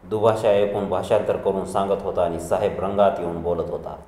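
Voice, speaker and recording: Deep-voiced man narrating a novel. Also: fairly even intonation, brisk, dark tone. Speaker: audiobook narrator. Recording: echoey room with long reverb.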